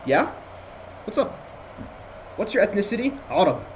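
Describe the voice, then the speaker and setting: A high-pitched, sing-song voice at a moderate pace belongs to a young man from Jordan with an American accent. Acting as a student lecturer on an online voice call, he rambles chattily through a casual review session, with many fillers and restarts. The computer-mic recording is rough, with slight background noise.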